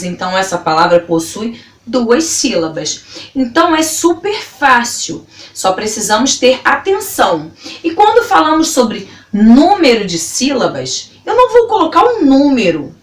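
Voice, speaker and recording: A woman teaching a grammar lesson to a class, slowly spelling words out syllable by syllable. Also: on the high side. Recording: echoey room, voice from a distance.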